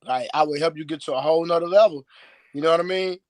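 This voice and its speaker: A man's voice: on the high side, fast, dry recording. Man, late thirties, trainer on a live stream, boastful, repeats himself, dry close sound. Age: 30s. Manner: boastful, emphatic, repeats words. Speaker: strength and conditioning coach. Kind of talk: live stream guest talk. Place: live video call.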